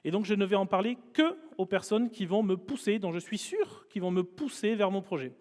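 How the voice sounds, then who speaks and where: A man giving a humorous motivational talk at a live event, telling lively stories with jokes and asides. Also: high voice, fairly quick, long reverb tail. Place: event hall before an audience.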